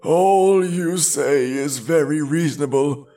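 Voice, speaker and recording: An old foster father past seventy pleads gently and earnestly, as a male narrator puts him on, his voice raised high and drawn out slow. Soft music drifts faintly underneath the storybook reading. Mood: persuasive. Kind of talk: storybook read-aloud.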